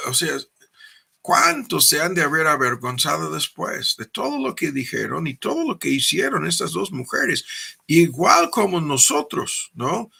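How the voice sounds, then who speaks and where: Gravelly pastor, bright and husky. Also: male voice, a little high. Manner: teaching, repeats words, asks "¿no?" often. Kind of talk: sermon.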